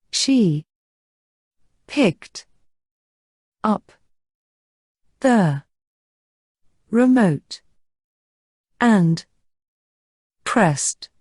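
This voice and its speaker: A woman reading a story as slow school dictation, measured and deliberate, leaving pauses after each word or short phrase. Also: lowish voice, mellow, no room sound, clean studio sound. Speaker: dictation reader.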